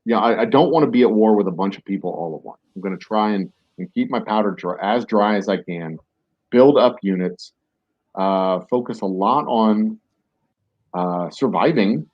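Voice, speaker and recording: A man plays a strategy game and chats casually over it as a streamer, self-deprecating and rambling with plenty of fillers. He speaks at normal speed with a low, expressive, slightly breathy voice and frequent pauses, and the desk-mic audio is dull with no room sound.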